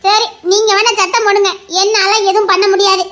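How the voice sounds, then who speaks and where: A woman's voice: very high voice, little pitch movement, fairly quick, a bit bright. A woman playing a protective middle-aged mother who defends her son and argues with her husband in a pleading, reasoning way. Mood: defensive. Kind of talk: amateur audio drama.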